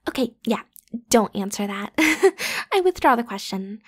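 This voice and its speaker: This ASMR roleplay features a woman playing a popular teenage schoolgirl who teases her lone listener in breezy, pushy, youthful language. Her fairly high voice is sing-song, a little slow, husky and exaggerated, as she carries a one-sided conversation.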